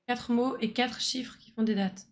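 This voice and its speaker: Higher-voiced woman streamer thinking aloud. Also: fairly even intonation, measured pace. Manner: thinking aloud, bickering with a co-player. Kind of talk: casual puzzle game chat.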